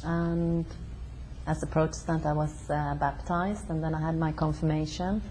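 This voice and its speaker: Brief: young woman, low mellow voice, hesitant pauses. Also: flat delivery, a little hiss or hum. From Sweden. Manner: hesitant, pausing with ums. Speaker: interview guest. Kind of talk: conversational interview. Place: living room of a home.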